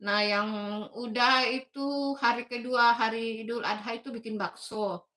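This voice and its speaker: Bright-voiced woman in her fifties. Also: fairly high pitch, fairly even intonation, a little slow. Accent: Indonesian, from Makassar. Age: 50s. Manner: chatty and motherly, refers to herself as Bunda, laughs often. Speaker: livestream host. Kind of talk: casual livestream chat, reading viewer comments. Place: bedroom at home.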